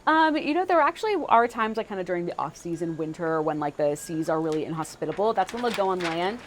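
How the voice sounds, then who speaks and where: A woman's voice: on the low side, animated, quick pace. A woman historian explaining as a guest in a casual way, full of "like" and "you know". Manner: chatty, filler-heavy with frequent 'like, you know'.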